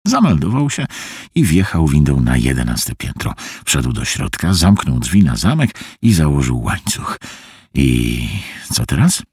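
A man reading a tense thriller audiobook aloud, playing out the dialogue with big swings of pitch. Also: a little mellow, slightly rough, no echo, studio quality. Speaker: audiobook narrator.

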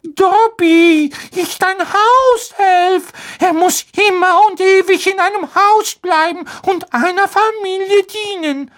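A woman voicing a small, servile male house-elf in an audiobook, with a shrill, tearful voice and humble, overwrought pleading. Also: takes it slowly, a bit bright, exaggerated voice. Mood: anxious. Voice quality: squeaky, shrill and sobbing. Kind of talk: audiobook character voice.

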